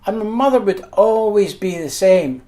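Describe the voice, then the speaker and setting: A man's voice: sits high, lively intonation, moderate pace, mellow. A middle-aged Scottish man narrating a casual travel vlog, chatty and telling stories with dry humour. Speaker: travel photography vlogger.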